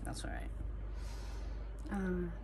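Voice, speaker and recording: A woman's voice: very slow, dark tone, a little hiss or hum. A woman speaking with new dentures and a slight lisp, chatting rambly and self-deprecating in a casual home vlog. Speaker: vlogger. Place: at home, indoor room.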